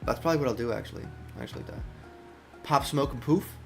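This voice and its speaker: A man's voice: mid-range voice, quick pace, gravelly, faint music behind. Rambling young man thinking aloud. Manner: rambling, many likes and restarts, thinking aloud. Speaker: indie game developer. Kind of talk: casual dev stream chat.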